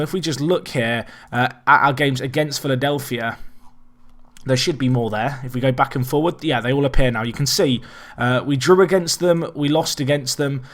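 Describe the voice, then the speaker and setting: Big chances in his football management game get this young let's play host excited as he commentates casually. His voice is mid-range and slightly raspy and hoarse, and he tends to ramble and restart.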